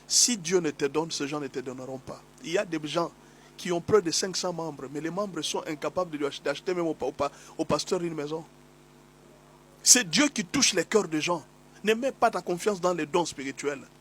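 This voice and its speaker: Here the sermon comes at a moderate pace from a male pastor whose somewhat high voice is a bit bright yet slightly hoarse from a cold. He hammers his message through repetition and swelling exhortation over a faint background hum.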